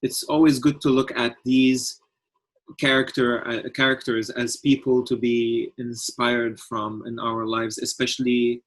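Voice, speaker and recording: Young director from Lebanon, hesitant and halting, plain mid voice. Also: male voice, mid-range voice, little pitch movement. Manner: halting, many fillers and restarts. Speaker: film director and producer. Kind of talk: casual interview answers.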